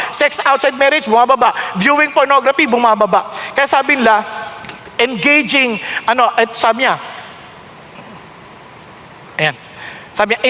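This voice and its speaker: A middle-aged man with a Filipino accent preaching an animated sermon in Tagalog mixed with English, his voice leaping up for emphasis. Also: very high-pitched. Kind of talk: Taglish sermon.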